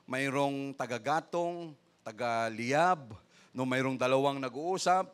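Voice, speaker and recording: A man with a Filipino accent preaching a sermon as pastor, shifting between conversational asides and loud, rising bursts of praise, with a frequent tag "no?". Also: mid-range voice, a little slow, clear, resonant tone.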